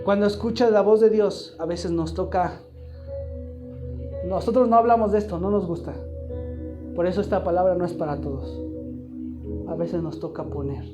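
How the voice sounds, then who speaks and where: A man's voice: sits high, normal speed, long pauses, music in the background. A man preaching a live sermon to a congregation, emphatic and throwing repeated questions at the room. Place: church hall, live congregation.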